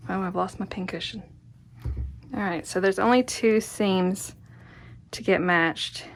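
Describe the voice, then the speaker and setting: A quilting tutorial host gives a relaxed, hands-on craft lesson indoors at her worktable. Her medium-pitched voice moves at a measured pace, chatty, with quiet words of encouragement to herself as she goes.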